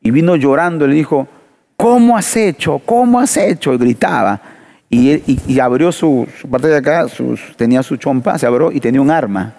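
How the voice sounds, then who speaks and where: A man's voice: medium pitch, brisk, gravelly, mellow. A man preaching in a panel discussion, asking rhetorical questions and telling stories with emphasis.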